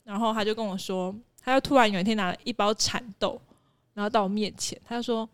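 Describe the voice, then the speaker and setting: A woman's voice: mid-range voice, fairly even intonation, quick pace, clean tone, dry recording. A woman, animatedly telling stories in a casual chat and often laughing as she goes.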